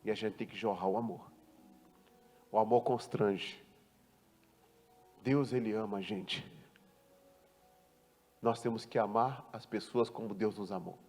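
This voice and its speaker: A man pastor preaching a sermon, emphatic and full of rhetorical questions, swinging from loud to hushed. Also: lowish voice, fairly even intonation, a little slow, long pauses, long reverb tail. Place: church.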